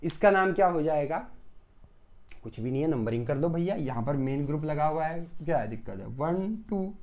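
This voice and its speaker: A man's voice: fairly high pitch, expressive, normal speed. A man teaching pharmacy chemistry in a recorded lecture. He asks the class questions, answers them himself and repeats key terms several times. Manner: swings between loud bursts and soft asides.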